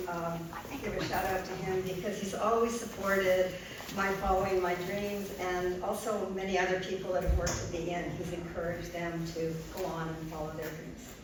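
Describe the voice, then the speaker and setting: A woman's voice: on the low side, background noise. An older woman, a poet and art therapist, reading her poems at an open mic, talking earnestly with frequent ums between lines. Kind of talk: live poetry reading with spoken asides. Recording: very echoey room, distant mic, audible ambience.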